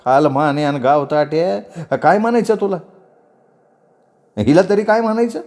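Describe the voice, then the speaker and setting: A man's voice: a little high, moderate pace, darkish tone, pitched above the performer's own voice, close to an everyday voice. A man voicing a middle-aged village aunt who scolds harshly in rustic dialect. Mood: furious scolding.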